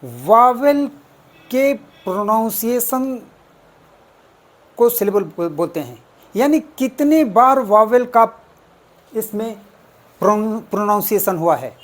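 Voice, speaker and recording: An exam coaching teacher explaining test answers, deliberately repeating and spelling out words step by step. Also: medium pitch, animated. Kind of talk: explaining exam answers, mixing English terms.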